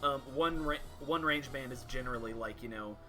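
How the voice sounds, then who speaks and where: A man working as game master, casually narrating a tabletop game in halting, improvised explanations. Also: medium pitch, music in the background.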